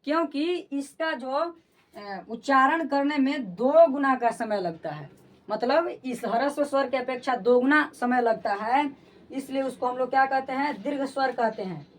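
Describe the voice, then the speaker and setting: A woman's voice: high-pitched, lively intonation, a little slow, recorded from a distance. A woman teaching grammar. She repeats terms and keeps asking whether the students have understood. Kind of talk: classroom-style lesson explanation.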